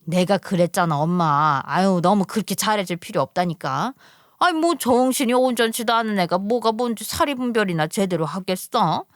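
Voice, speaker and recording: A woman's voice: medium pitch, animated, normal speed, dry recording, studio quality, close to an everyday voice. A woman voicing a smug, dismissive adult sister-in-law who sides with her mother in a story radio drama.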